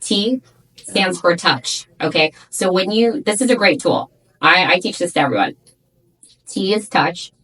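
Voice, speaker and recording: Blunt, emphatic woman with a low voice. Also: lively intonation, unhurried, fairly bright tone, breathy edge, poor audio. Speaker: salon owner guest. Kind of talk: podcast interview.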